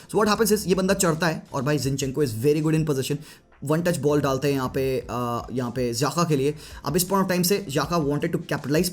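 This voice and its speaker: A man giving a casual, lively tactical breakdown of a football match, chatting to viewers and mixing in English phrases. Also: fairly high pitch. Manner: lively Hinglish commentary, mixing Hindi and English; chatty, addresses viewers as bhai. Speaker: football analyst.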